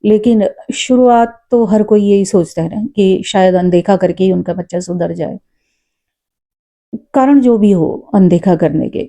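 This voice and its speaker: A woman tells a personal story in an earnest, reflective way, often pausing with fillers. Her voice is very dark and mellow. Her pitch sits in a middle range. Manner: says she talks loud and forcefully. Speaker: storyteller vlogger; mother. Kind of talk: casual spoken storytelling.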